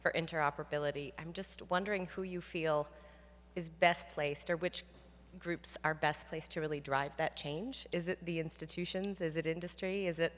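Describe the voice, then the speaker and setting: Low-voiced woman questioner in a hall. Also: fairly even intonation, normal speed. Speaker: audience member asking a question. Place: conference hall. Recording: reverberant conference hall.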